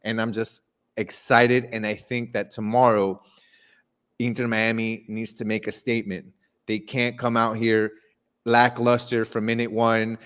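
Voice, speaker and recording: A man's voice: medium pitch, fairly bright tone, smooth. A man, co-hosting a casual sports live stream, emphatic and confident, often repeating words as he builds a point. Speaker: sports show co-host.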